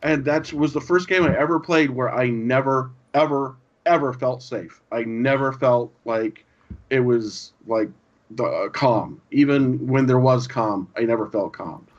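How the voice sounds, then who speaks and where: A man co-hosting a gaming podcast, chatting casually and telling stories with lively acted-out lines. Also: mid-range voice, measured pace. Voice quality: animated storyteller, acts out game lines. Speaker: podcast co-host. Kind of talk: casual chat. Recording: dull lo-fi audio.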